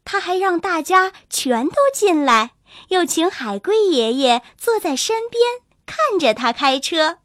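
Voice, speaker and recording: Slow sing-song woman storyteller. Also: very high voice, big pitch swings, no room sound, studio quality. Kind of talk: children's bedtime story narration. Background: soft music.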